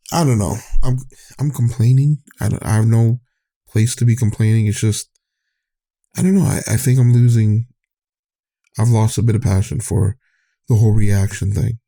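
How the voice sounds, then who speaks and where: This podcast host has a fairly low, gravelly, mellow voice that gets tired as he goes. His casual monologue is candid and rambling, often trailing off before he restarts.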